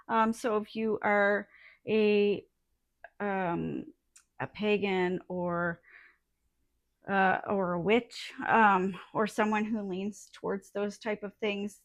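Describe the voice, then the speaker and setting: A woman talks as a casual vlogger, addressing viewers informally and unhurriedly. She pauses and gathers her thoughts aloud, at a slower pace and middling pitch. The sound is dry, with little room to it. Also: dry recording. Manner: informal, halting, thinking aloud. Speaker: vlogger and small soap business owner. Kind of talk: casual chatty vlog talk to viewers. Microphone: small add-on phone microphone.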